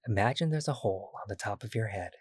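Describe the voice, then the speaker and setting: A man guiding a body-scan meditation, speaking slowly and soothingly with long pauses. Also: fairly low pitch, animated, slightly rough, dry recording, studio quality. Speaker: meditation guide.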